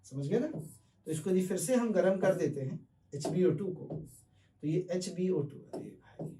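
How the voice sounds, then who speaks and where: Unhurried and warm, with a high-sitting voice and lively intonation, a man gives a chemistry classroom lecture, building explanations step by step, answering his own questions, and mixing in English terms. The echoey room and distant mic leave his voice off-mic.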